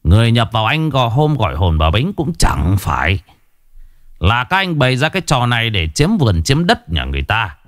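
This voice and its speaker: A man voicing a stern, wise older village man who gives grave, measured warnings in a ghost story. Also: mid-range voice, wildly swooping pitch, fairly bright tone, dry recording, studio quality. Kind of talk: storybook ghost tale voice acting.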